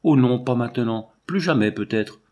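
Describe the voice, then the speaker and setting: A man's voice: medium pitch, normal speed, darkish tone, voice pushed up, natural voice. A man reading aloud, voicing a frightened young mother who pleads in a raised voice. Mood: pleading.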